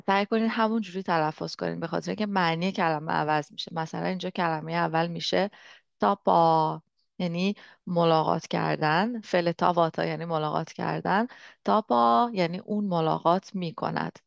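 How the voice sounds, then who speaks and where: Woman teaching, low gravelly voice. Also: no room sound. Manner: patient, demonstrates sounds slowly and repeats them. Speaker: language teacher. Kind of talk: explanatory language lesson. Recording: dull, dry lo-fi recording.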